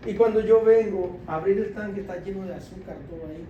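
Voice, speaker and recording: A high-voiced man preaches as a deacon, telling a story with animation and laughter. He drops his voice low to quote others. He is heard from far off in an echoey church hall with faint ambient noise. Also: fast talker, lo-fi sound. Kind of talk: sermon testimony.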